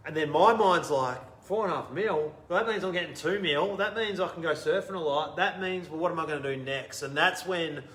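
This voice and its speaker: This Australian guest, a man in his thirties, recounts his story with animation in a relaxed interview. He laughs a lot and lets sentences fade out softly. His slightly high voice moves briskly with few pauses, and the room sounds open.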